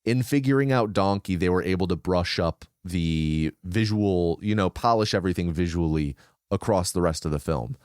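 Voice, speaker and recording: A man co-hosts a casual film podcast, sharing researched behind-the-scenes trivia with frequent fillers and restarts. His voice is low, darkish, clear, and resonant at a moderate pace, recorded with clean studio sound and no echo.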